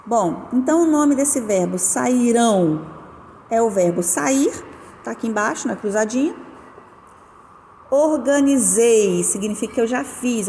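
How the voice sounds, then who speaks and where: A woman's voice: a little high, a little mellow. A woman teaching a recorded lesson, explaining patiently and stretching out stressed syllables. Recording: roomy with long reverb and faint noise.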